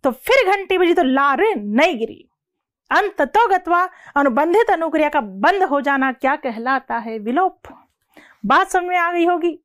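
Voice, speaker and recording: A woman teacher giving a lecture, asking her students questions and repeating the definitions slowly, word by word. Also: very high-pitched, no room sound, clean studio sound. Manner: repeats and asks the class questions; slows down to read definitions word by word. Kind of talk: classroom lecture.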